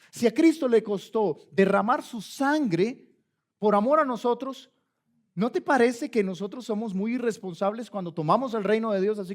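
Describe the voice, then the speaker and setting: High-voiced pastor preaching emphatically. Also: male voice, a little mellow. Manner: emphatic, direct address, repeated commands. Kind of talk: sermon. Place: church.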